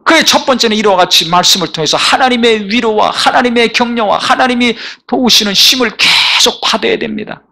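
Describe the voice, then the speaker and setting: A man's voice: very high-pitched, brisk, creaky, few pauses, sharp tone. A male pastor preaching a sermon in a church, building emphatic repeated phrases and calling for responses. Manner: preaching with rising emphatic repetitions and call-and-response. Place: church sanctuary.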